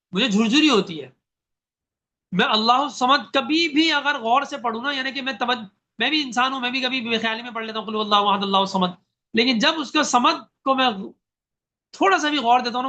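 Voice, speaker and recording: Young guy teaching a scripture class, really high voice, earnest, keeps asking the students stuff. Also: sharp tone. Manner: earnest, questions the class directly. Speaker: Quran commentary teacher. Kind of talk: religious class lecture, storytelling.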